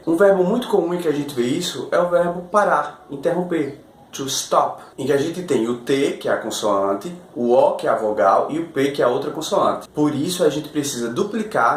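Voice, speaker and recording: A man teaching an online language lesson, upbeat, explaining step by step and often asking the viewer questions. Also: a little high. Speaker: English teacher. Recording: roomy echo, faint ambient noise.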